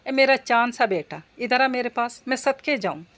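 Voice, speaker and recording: A woman reading the part of a sharp-tongued older mother-in-law who gossips and complains. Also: fairly high pitch, lively intonation, moderate pace.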